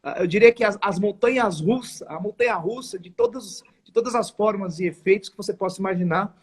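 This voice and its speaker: A guest on a live interview, this São Paulo network marketing entrepreneur in his forties tells his story at a fairly quick clip. His voice is husky and high for a man. He sounds earnest and emphatic, choosing formal phrasing and restarting many times.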